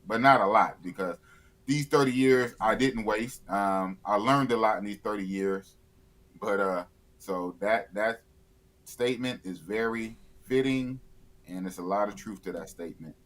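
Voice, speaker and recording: A man's voice: fairly low pitch, measured pace, fairly bright tone. A man of fifty, a YouTuber guest in a casual live interview, blunt and opinionated, often repeating himself. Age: 50s.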